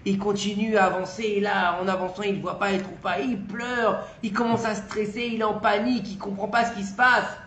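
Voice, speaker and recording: Lively, high-voiced man telling a story. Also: a little fast, hardly any pauses. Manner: lively, colloquial, animated retelling. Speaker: Torah teacher. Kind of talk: casual storytelling lesson. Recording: echoey room, faint background noise.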